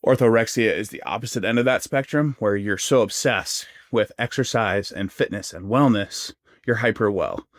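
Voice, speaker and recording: A man's voice: fairly low pitch, normal speed, no room sound, clean studio sound. A man co-hosting a health podcast, talking bluntly and emphatically in casual slang. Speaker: podcast co-host.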